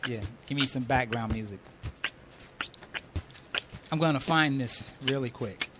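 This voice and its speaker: A man's voice: mid-range voice, unhurried, heavy background noise. A man hosting a radio call-in show, chatting loosely, teasing the caller and reading out listener messages. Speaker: radio host.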